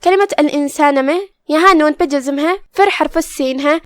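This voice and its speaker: A woman teaching Quran recitation rules, explaining calmly and reciting verses slowly and carefully. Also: high voice, no echo, studio quality. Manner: slow, careful recitation between plain explanations. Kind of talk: tajweed lesson.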